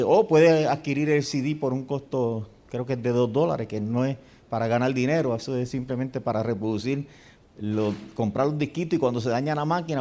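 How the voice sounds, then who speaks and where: High-voiced man preaching, dropping to hushes. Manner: storytelling, dropping to hushed repeated prayer. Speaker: pastor. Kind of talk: sermon. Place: church.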